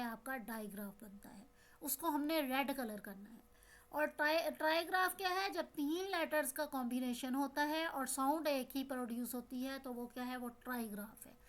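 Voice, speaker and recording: A woman with a Pakistani Urdu accent, explaining an English lesson to young pupils. She asks the class questions and repeats each word. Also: high-pitched. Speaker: teacher.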